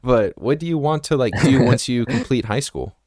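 In a clean studio recording with no echo, a podcast host in his twenties chats through a casual interview. His mid-range voice is expressive and darkish, and he laughs easily while leaning on fillers like "like" and "you know."

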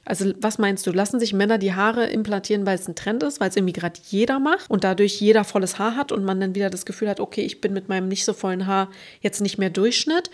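A young woman talks straight to her viewers in a loose, chatty beauty-vlog style. She stays animated and keeps turning questions back to the listener. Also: medium pitch. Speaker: beauty vlogger. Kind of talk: casual chat to camera.

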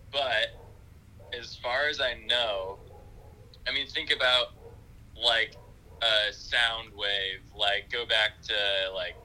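A man's voice: fairly low pitch, bright, forceful tone, low-quality recording. A man heard over a speakerphone, an audio engineer giving a casual, loose explanation full of fillers.

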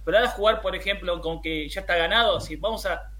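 A man's voice: sits high, quick pace, fairly bright tone. An Argentine man giving sports commentary in a casual radio chat.

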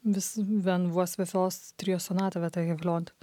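Woman organist chatting, fairly low voice, pretty flat delivery, dry sound. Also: moderate pace, dry recording. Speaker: organist and podcast co-host. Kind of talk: casual discussion.

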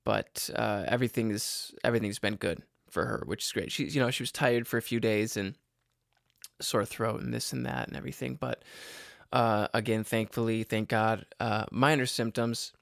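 A man hosting his own podcast, tired and unwell, talking in a low-energy, rambling way with lots of fillers and restarts. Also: steady tone, moderate pace, gravelly, no echo, studio quality. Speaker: podcast host. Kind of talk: casual solo podcast update.

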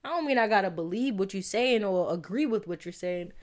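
A woman with a mid-range pitch co-hosting a podcast. She speaks in a plain, agreeable way, chiming in and giving her own view in relaxed conversation. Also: a little fast. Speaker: podcast co-host. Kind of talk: casual chat.

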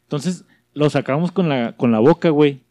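A man's voice: on the high side, a little fast, mellow, no echo, studio quality. A young man with a Mexican accent telling slangy stories in a casual chat, acting out the people he quotes. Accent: Mexican Spanish. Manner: slangy storytelling, acts out quoted voices.

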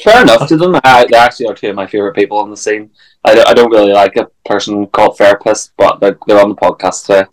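A man's voice: fairly low pitch, fast talker, rough recording. A man hosting a podcast, chatting casually and teasing his guest with playful banter. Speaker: podcast host. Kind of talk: casual chat.

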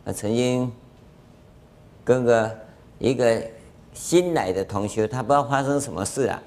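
A man's voice: medium pitch, unhurried. A man with a Taiwanese Mandarin accent giving a Buddhist dharma lecture as a master, telling anecdotes and acting out dialogue with chuckles. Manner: animated storytelling, acts out dialogue, chuckles. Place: lecture hall.

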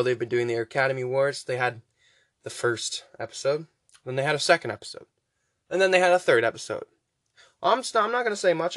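A man's voice: fairly high pitch, fairly bright tone, no echo. A man hosting a casual, rambling podcast, chatty and urging listeners on, pronouncing his R sounds weakly, close to W. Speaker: podcast host.

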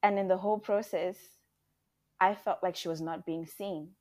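A woman's voice: lowish voice, fairly even intonation, moderate pace, a little mellow, no room sound. A woman who co-hosts a podcast, reading a story aloud and then talking about it in a heartfelt, emphatic way. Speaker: podcast co-host. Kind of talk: story reading and casual discussion.

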